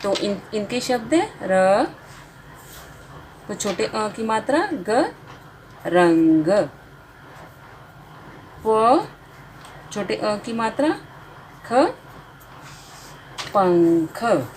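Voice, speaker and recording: Very slow, patient woman teaching spelling. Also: on the high side, very animated, a little mellow, slight background noise, rough recording. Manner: slow, drawn-out spelling, stretching each finished word. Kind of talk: slow Hindi spelling lesson for beginners.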